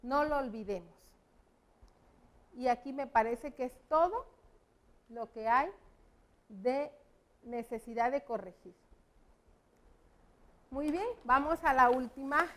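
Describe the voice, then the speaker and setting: A woman teaches young pupils. Her voice sits high and she talks at a slow, deliberate pace. She explains each point patiently and clearly. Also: animated, fairly bright tone. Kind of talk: classroom lesson for children.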